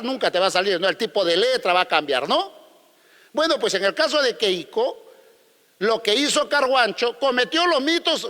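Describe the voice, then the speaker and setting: A man argues his case at a legal conference, pressing his points through pointed rhetorical questions. His voice sits notably high for a man. The sound rings with the long reverb of a large hall. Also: bright, forceful tone. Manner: combative, with frequent rhetorical questions. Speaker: lawyer speaking at a legal conference. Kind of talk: conference talk.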